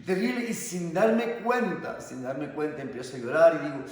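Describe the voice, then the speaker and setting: A priest in his sixties giving a sermon, emphatic and drawing out key words slowly. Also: on the high side, sing-song. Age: 60s. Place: church. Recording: echoey church with long reverb.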